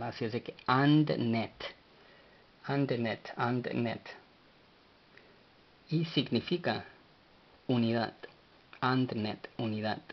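A man teaching a language lesson, speaking slowly and spelling words out letter by letter. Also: lowish voice, lo-fi sound.

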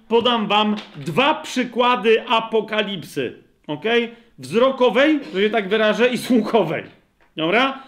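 A man's voice: high-pitched, a bit bright. A man leading a Bible study lecture, reading scripture aloud and stopping often to check that his listeners follow. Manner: addresses listeners directly, asks checking questions; reads scripture aloud, slows down for emphasis. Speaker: Bible teacher.

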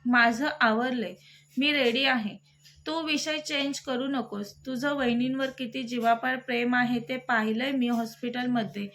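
A cheerful young man who loves to tease his best friend, as a woman narrator reads him. The delivery is playful and joking, pitched high in her own voice. It is an audiobook-style story reading. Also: fairly even intonation, a little slow, a bit bright, a little hiss or hum.

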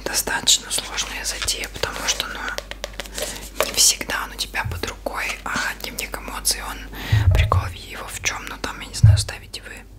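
Whispering woman, casual ASMR. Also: moderate pace. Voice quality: soft unvoiced whisper. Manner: informal, loose, thinking aloud. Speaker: ASMR video creator. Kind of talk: ASMR, casual rambling show-and-tell.

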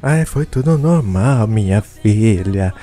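A polite old woman answers softly with a trembling voice, as a man puts her on. She speaks calmly and very slowly, in a low, hushed tone. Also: faint music behind. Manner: trembling, slow and soft.

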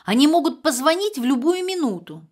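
A woman's voice: a little high, lively intonation, normal speed. A woman voicing a dramatic, panicky retired mother who speaks in pompous, exclamatory outbursts. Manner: exclamatory, theatrical and rising.

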